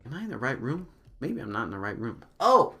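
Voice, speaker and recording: A man's voice: medium pitch, very animated, a little fast, a bit bright. A man doing casual, slangy live commentary on a video game, chatting to viewers and talking to himself and the game's characters.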